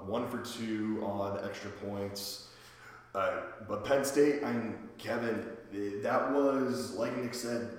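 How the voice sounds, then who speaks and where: A hoarse man hosting a casual sports podcast, recorded in a home basement with heavy echo. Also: lowish voice. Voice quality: worn-out voice from a night of cheering. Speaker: podcast host. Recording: very echoey basement with reverb.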